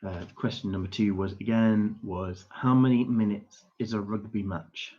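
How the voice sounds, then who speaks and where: A young man hosting a pub quiz, reading each question slowly, repeating and spelling it out, chuckling and correcting himself as he goes. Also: lowish voice, fairly even intonation, warm tone. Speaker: quiz host. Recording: dull lo-fi stream audio.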